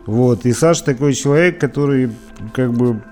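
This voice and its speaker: A man's voice: medium pitch, normal speed, darkish tone, faint music behind. A man from Izhevsk, Russia, a musician being interviewed, talking in a rambling way with many fillers and restarts. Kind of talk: casual interview reminiscing.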